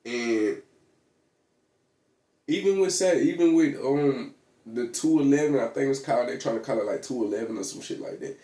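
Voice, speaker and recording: A man's voice: medium pitch, steady tone, brisk, dark tone. A man vlogging in a casual, rambling monologue, full of slang, fillers and restarts. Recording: echoey room.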